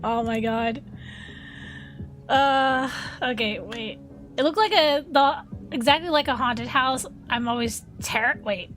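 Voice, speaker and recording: A woman streaming a game, reading the story aloud and breaking off into excitable reactions. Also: high voice, takes it slowly, soft background music.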